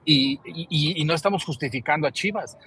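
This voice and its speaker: A man's voice: a little high, a little fast, sharp tone. Mexican man explaining, faint noise behind. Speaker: sports show co-host. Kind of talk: heated panel debate.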